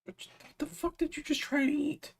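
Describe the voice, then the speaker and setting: A man's voice: very high voice, steady tone, moderate pace. Chatty young man in his twenties. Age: 20s. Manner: chatty, talks to his cat in a coaxing sing-song. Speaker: streamer. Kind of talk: casual livestream chat.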